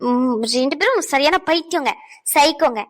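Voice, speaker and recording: A woman's voice: high-pitched, normal speed, close to an everyday voice. A woman voicing an irritated young woman in a cartoon who scolds her teasing friends. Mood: annoyed. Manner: scolding, exasperated. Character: irritated young woman, sharp-tongued, easily annoyed. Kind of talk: cartoon voice acting.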